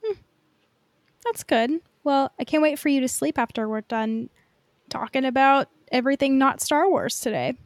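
An American woman hosts her podcast informally, chatting along and frequently saying "like." Her voice sits high with lively intonation at a moderate pace, in clean studio sound free of room noise.

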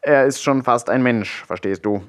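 A man voicing the cheeky talking stomach of a hungry boy in a storybook reading, talking quick and blunt. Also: medium pitch, lightly acted. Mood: polite.

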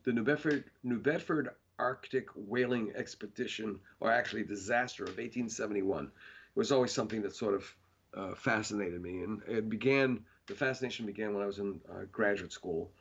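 A man's voice: on the low side, brisk, husky, muffled recording. A man, a painter being interviewed, talking in a rambling casual way with many fillers and restarts.

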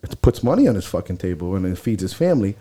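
Deep-voiced and warm, a podcast co-host talks fast and very animatedly in casual chat. He swears freely and speaks bluntly through a stuffy nose, recorded on a close mic.

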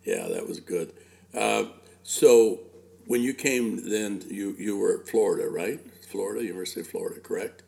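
An older man with a gravelly voice works as an interviewer and host, chatting casually, repeating himself, and slipping Spanish words into his English. His voice is lowish and mellow, delivered at a normal speed.

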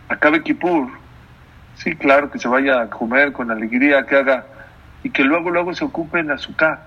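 With a slightly high voice carrying a breathy edge, a rabbi teaches through an emphatic sermon. He returns to the same phrases and questions his listeners, on lo-fi audio that sounds dull.

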